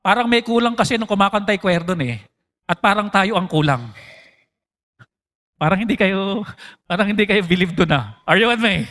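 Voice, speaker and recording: Animated high-voiced Filipino pastor preaching. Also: male voice, moderate pace, pauses often. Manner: mixes Tagalog and English, asks the congregation questions; animated, jumps in pitch for emphasis. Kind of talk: sermon.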